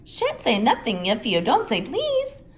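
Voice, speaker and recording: A woman's voice: fairly high pitch, wildly swooping pitch, unhurried, voice pushed up. A woman voicing a mischievous male poltergeist who taunts in a sing-song voice. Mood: gloating.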